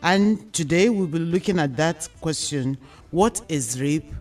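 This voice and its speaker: A woman with a Nigerian accent and a low-sitting voice hosts a radio discussion programme. She phrases her questions and points deliberately and emphatically.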